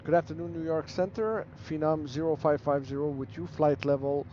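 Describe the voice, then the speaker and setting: A man acting as an airline pilot on a cockpit headset, reading back clearances in crisp, clipped radio phraseology and calling out takeoff checks. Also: a little high, fairly even intonation, fairly quick, mellow, muffled recording, a little hiss or hum. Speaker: flight simulator player acting as airline pilot.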